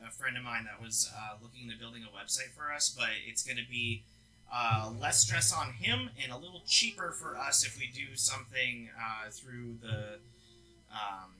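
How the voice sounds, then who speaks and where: A young man with a very bright, tense tone talks casually as a shop co-owner. His phrasing is loose and chatty, with plenty of fillers and false starts along the way. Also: medium pitch, moderate pace, poor audio. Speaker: co-owner of a gaming lounge. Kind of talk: casual business update chat.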